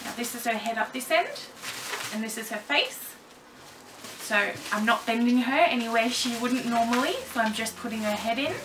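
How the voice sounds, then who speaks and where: A woman's voice: on the high side, moderate pace, noisy background. A woman chatting casually to her camera while packing a parcel at home, a little nervous and apologetic, with her camera mic set a fair way away from her. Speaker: doll vlogger.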